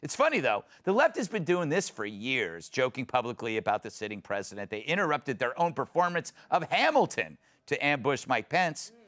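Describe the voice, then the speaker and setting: A man's voice: mid-range voice, very animated, normal speed, hardly any pauses, a bit bright. A man hosting a comedic panel talk show, teasing his guests in a sardonic manner.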